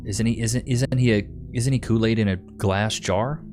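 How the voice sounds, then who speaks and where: With music in the background, a young man from Texas hosts a live stream at a moderate pace, chatting casually as he reads comments. His voice is lowish, and his manner is laid-back and rambling, full of repetition and "bro."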